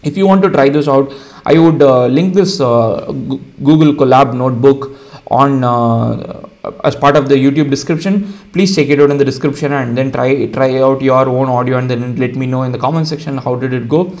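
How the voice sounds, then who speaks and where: A man with an Indian accent hosting a casual coding tutorial, explaining each step in a relaxed way with frequent ums and uhs. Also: mid-range voice, moderate pace. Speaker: tutorial host.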